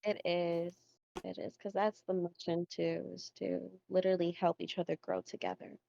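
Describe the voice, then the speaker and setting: A woman's voice: on the low side, little pitch movement, moderate pace, gravelly, warm tone, lo-fi sound, slight background noise. A woman co-hosting a podcast in casual chat, hesitant and encouraging, full of fillers, recovering from the flu. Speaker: podcast co-host.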